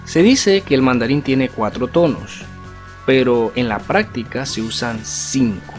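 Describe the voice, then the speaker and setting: Casting: male online language teacher, mid-pitched, didactic and explanatory, with faint guitar music under him. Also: measured pace. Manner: didactic, asks rhetorical tag questions.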